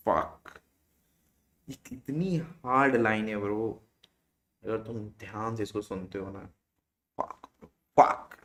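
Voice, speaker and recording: A man's voice: on the low side, slow, pauses often, slight background noise. A man reacting on camera as a host, firing off short stunned exclamations and swearing, mixing in English. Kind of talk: casual reaction commentary.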